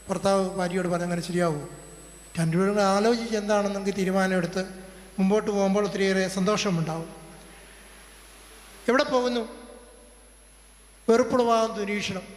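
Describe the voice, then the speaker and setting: A middle-aged priest with a Kerala Malayalam accent preaches slowly and steadily, pausing between his points. His voice sits high for a man. It rings out with a long reverb, as if he is speaking in a large hall. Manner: slow, measured preaching with spoken examples. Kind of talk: sermon on family life.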